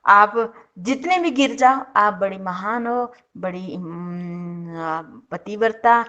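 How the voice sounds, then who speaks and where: A woman's voice: mid-range voice, lively intonation, slow pace, fairly bright tone, lo-fi sound. A woman giving opinionated casual commentary as a video commentator, sarcastic and indignant, often breaking off and correcting herself. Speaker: YouTube show commentator.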